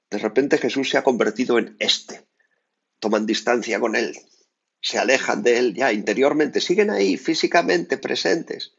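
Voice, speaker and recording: A priest from Spain gives a spoken meditation in a conversational style, full of tag questions and lively asides. His voice is fairly low, gravelly and husky, and the sound is lo-fi.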